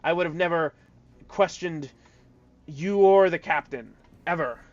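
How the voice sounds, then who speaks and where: Groveling elf soldier, higher and louder than the narrator's own voice, played by a man; pleading, defensive, tabletop game. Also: measured pace, dull audio, lightly acted.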